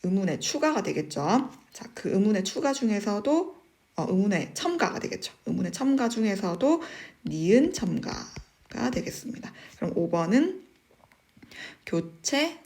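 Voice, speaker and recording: A woman teacher explaining exam questions in an online lesson, patient and methodical, often pausing on "eo" and asking the class rhetorical questions. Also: medium pitch, darkish tone. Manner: patient, step-by-step explaining with frequent "eo" fillers.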